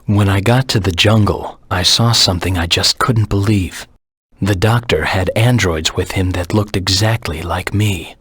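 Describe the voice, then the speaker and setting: A dark video game antihero, brooding and grimly determined. The voice is low and very husky, with a gravelly rasp. He delivers terse, grave lines with menace, in a dry, close studio sound. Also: unhurried, no room sound, full character voice. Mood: grim, focused. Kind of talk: dramatic video game voice acting, scripted monologue.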